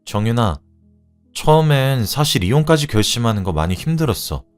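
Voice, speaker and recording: A man voicing a sharp, cold-spoken young woman civil servant in a storybook drama. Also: medium pitch, very animated, moderate pace, soft background music, close to an everyday voice. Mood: calm, gentle. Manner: cold and cutting.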